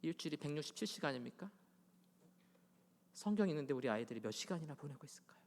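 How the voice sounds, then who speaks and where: A middle-aged male pastor with a high voice for a man delivers a Sunday sermon, firing rhetorical questions at his listeners. He swings from loud, urgent exhortation to hushed, almost whispered asides. His voice rings with the long reverb of a church sanctuary. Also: lively intonation, quick pace. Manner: presses the congregation with rhetorical questions.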